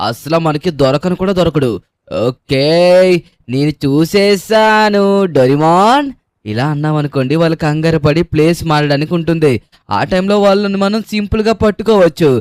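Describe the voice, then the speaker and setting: A man hosting a playful game role-play, chatty and animated, sometimes calling out. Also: on the high side, smooth, no room sound, studio quality. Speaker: gaming channel host.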